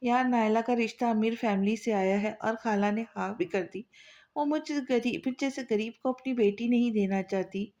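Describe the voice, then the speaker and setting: A woman's voice: a little high, normal speed, dark tone, natural voice. A woman voicing a lovesick young man who pleads and complains, in a storybook reading. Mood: pleading.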